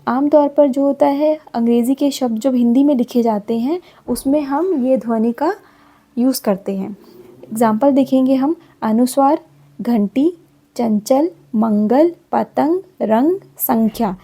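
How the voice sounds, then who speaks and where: A middle-aged woman teacher explaining a grammar lesson, repeating example words slowly one by one. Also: sits high, dark tone.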